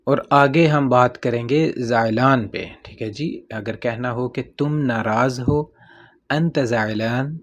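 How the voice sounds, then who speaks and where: Man teaching slowly, repeating each phrase. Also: mid-range voice. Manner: slows right down to model each phrase, repeats "theek hai ji" often. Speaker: Arabic teacher. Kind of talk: casual spoken-language lesson.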